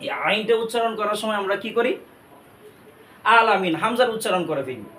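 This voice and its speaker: A man teaching Quran recitation step by step, explaining each sound and drawing phrases out slowly. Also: sits high, expressive, sharp tone, reverberant, recorded from a distance, slight background noise.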